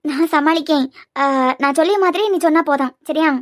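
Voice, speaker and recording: A woman's voice: high voice, fairly quick, no echo, clean studio sound, natural voice. A woman voicing a protective, secretive young woman in a cartoon with a Kanyakumari Tamil accent, speaking in a coaxing, earnest way.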